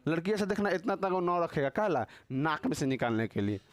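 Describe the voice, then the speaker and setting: A man's voice: on the high side, very animated, a little fast, dry recording. A man teaching a casual grammar class, teasing and quizzing his students with constant tag questions.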